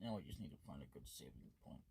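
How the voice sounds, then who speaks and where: A man's voice: very deep voice, expressive, very fast, vocal fry, mellow, breathy edge. A man doing gameplay commentary, casually rambling and reading the game's text aloud, punctuation included. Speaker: let's play host.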